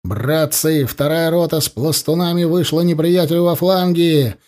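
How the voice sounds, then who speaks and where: A man voices a young male officer leading an attack. He shouts his commands, his voice lifted well above his usual pitch and straining with urgency. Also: expressive, normal speed. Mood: shouting orders. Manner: shouting battle orders.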